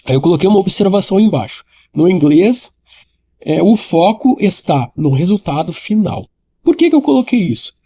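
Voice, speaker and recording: A man's voice: high voice, big pitch swings, normal speed, dark tone, husky. A man, explaining an English grammar lesson directly to the viewer and repeating key points. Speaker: English teacher.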